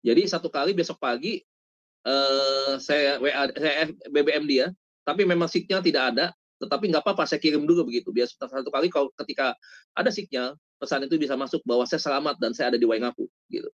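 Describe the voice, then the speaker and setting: A man's voice: fairly high pitch, brisk, no echo. A male pastor telling a personal story in a sermon, often calling his listeners "brothers" and acting out the dialogue. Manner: addresses listeners as "saudara", animated retelling with quoted dialogue. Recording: dull lo-fi dry sound.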